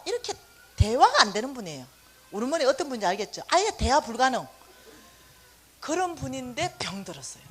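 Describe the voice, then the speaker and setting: A woman minister giving a testimony sermon, telling her story with animated storytelling and acting out the dialogue. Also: mid-range voice.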